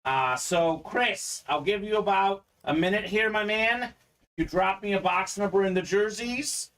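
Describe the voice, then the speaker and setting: Upbeat high-voiced male live-stream host. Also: a little slow, fairly bright tone. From Bulgaria. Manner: upbeat, chatty, reads out viewer comments. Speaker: sports card break host. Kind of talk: live-stream sales patter.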